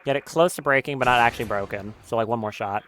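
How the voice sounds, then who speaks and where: A man's voice: mid-range voice, fast, fairly bright tone, soft background music. A man giving casual live commentary on his gameplay stream, swearing often and talking nervously as he goes.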